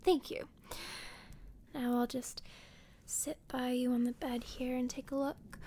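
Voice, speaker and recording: A woman playing a playful hermit woman who tends a wounded man, talking gently and often dropping into a half-whisper. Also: high voice, slight background noise. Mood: soothing. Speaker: audio roleplay performer. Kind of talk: audio roleplay addressed to the listener.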